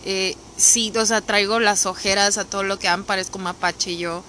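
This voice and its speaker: A woman's voice: medium pitch, steady tone, moderate pace, sharp tone, a little hiss or hum. A woman with a Mexican accent talking casually in a candid, rambling personal monologue, feeling unwell and tired, swearing now and then. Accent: Mexican Spanish. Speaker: podcast host.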